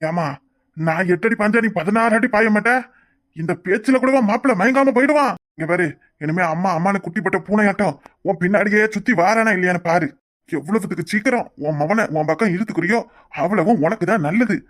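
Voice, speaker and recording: A man's voice: high-pitched, a little fast, a bit bright, dry recording, clean studio sound. A man voicing a sly middle-aged uncle who speaks in a southern Tamil village dialect and urges his sister on in her scheme, in a cartoon. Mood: sly, conspiratorial. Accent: southern Tamil Nadu village dialect. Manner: conspiratorial, egging on.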